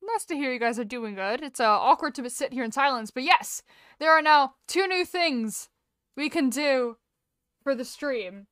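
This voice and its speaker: A woman's voice: high-pitched, lively intonation, moderate pace, fairly bright tone, dry recording. A woman hosting a casual gaming livestream, chatting playfully with exclamations and self-interruptions, on a close compressed streaming microphone. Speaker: game streamer host. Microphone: close streaming microphone with software compressor.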